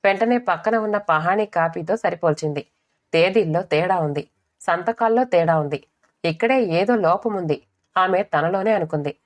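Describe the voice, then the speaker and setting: A woman narrates an audiobook story at a measured, even pace. Her voice sits a bit low and stays steady throughout the storytelling. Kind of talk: scripted narration.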